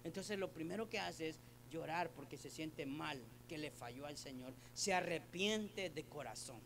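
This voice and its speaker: A high-pitched man delivers a sermon in an earnest, conversational way. He calls the listener brother, repeats words while he gropes for the phrasing, and reads Bible passages aloud. A faint hum runs under the recording. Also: moderate pace, fairly bright tone. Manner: addresses listener as brother, asks rhetorical questions. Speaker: preacher.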